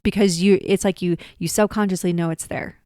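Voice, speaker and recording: A woman's voice: fairly low pitch, fairly even intonation, a little fast, darkish tone, dry recording, clean studio sound. A woman, a medium, chatting casually and relaying what her spirit guide tells her, with frequent small laughs.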